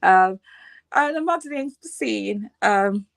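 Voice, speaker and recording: A woman's voice: mid-range voice, lively intonation, takes it slowly, vocal fry, no room sound. A woman in her late thirties from the United Kingdom, a fashion designer chatting casually in an interview, with many fillers and frequent laughs. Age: 30s.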